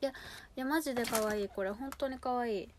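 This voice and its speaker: A woman chatting casually and without a script as a show host, gushing excitedly and muttering asides to herself as she handles things. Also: on the high side, fast, background noise. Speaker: host of a personal audio show. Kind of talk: casual unscripted chat to listeners while unboxing and sorting cosmetics.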